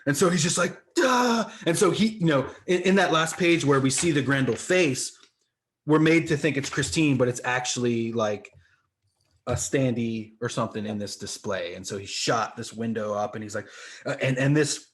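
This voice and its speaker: A man co-hosts a comic book podcast in a mid-range voice at a moderate pace, chatting casually and acting out the panels with sound effects.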